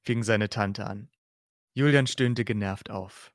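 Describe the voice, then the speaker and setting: A man, a podcast host, reading narration from a novel, steady with small slips. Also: fairly low pitch, takes it slowly, dry recording, clean studio sound.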